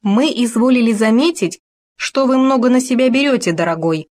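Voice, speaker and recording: A woman's voice: normal speed, lightly acted. A woman voicing a stingy, easily frightened male gopher who tries on polite manners. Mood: indignant. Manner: high, excitable, grudging.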